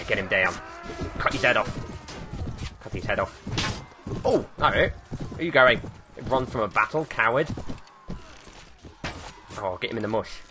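A young man streaming a battle game live, animated and jokey, barking orders at his troops and swearing cheerfully. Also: medium pitch, noisy background. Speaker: gaming streamer. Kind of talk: live gameplay commentary.

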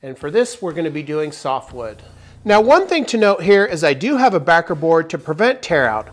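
A man in his forties hosts a woodworking channel tutorial from a large indoor workshop, walking through each step in an upbeat way. His voice sits on the high side, with big pitch swings and a moderate pace.

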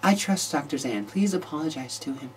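A man's voice: a little high, expressive, a little fast, husky, distant mic. A man reading a young woman fighter's lines from a game, scolding a teammate in a mock-earnest way.

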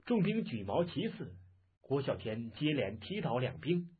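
A man reading a martial-arts novel aloud as a dramatic, animated audiobook narrator. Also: medium pitch, a little slow, breathy edge. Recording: muffled, phone-like lo-fi audio.

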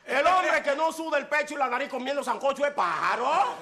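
A man's voice: extremely high pitch, lively intonation, fairly quick, pushed and bright. A man doing a boisterous stand-up comedy monologue, full of exaggeration and punchy repeated lines. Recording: live show with audience laughter.

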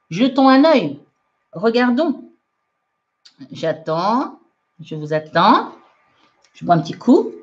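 A woman teaching English in a live online lesson, reading out viewers' comments and correcting them in a chatty way with frequent laughs, mixing French and English. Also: medium pitch. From France. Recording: dull lo-fi livestream audio.

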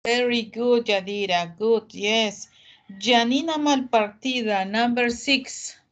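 A woman's voice: on the high side, fairly bright tone. Patient woman teacher on a video call. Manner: patient, explains slowly, mixes Spanish and English. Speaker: English teacher. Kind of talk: online class, calling on students.

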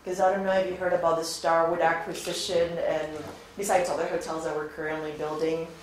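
Low-pitched and brisk, with little pitch movement, this woman in her thirties was born in Venezuela and grew up in Spain. She makes an upbeat, chatty recruiting presentation to students, frequently putting questions to them. Recorded by a far camera with no visible mic, the classroom sounds very echoey with faint noise.

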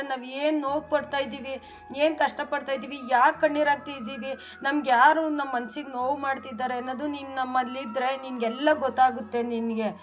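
A middle-aged woman speaking a heartfelt, pleading prayer straight to the deity, fervent and earnest. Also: high-pitched. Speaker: devotional channel host.

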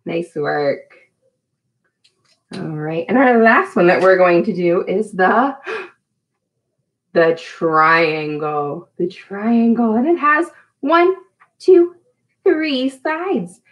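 The lo-fi recording captures a woman in her thirties, a preschool teacher, leading a storytime lesson with songs for children from a small room at home. She has a mid-range voice with lively intonation, drawing out words and pausing often as she encourages the children and asks simple questions.

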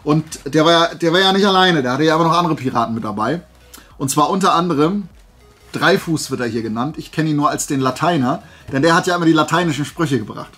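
This flea market haul vlogger speaks quickly in a voice on the high side, fairly bright with a breathy edge, as faint music plays behind him. He tells casual anecdotes, acting out dialogue, though his throat is dry and his voice worn from days of talking.

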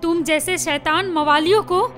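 A woman's voice: very high voice, moderate pace. An actress playing a middle-aged mother who has lost a leg, tender with her children and fierce with thugs, in dubbed film dialogue. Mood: defiant. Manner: tearful pleading then fierce defiance. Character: injured widowed mother, defiant and proud. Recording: film soundtrack with loud music.

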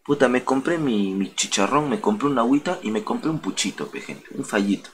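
A man's voice: mid-range voice, expressive, fairly quick, a little hiss or hum. A young man with a Peruvian accent, a streamer telling a story in casual, slang-heavy street talk full of swearing. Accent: Peruvian Spanish.

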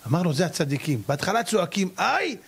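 Rabbi, male, lively storytelling sermon; high voice with big pitch swings, acts out characters. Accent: Israeli Hebrew. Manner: animated, acts out characters and cries out.

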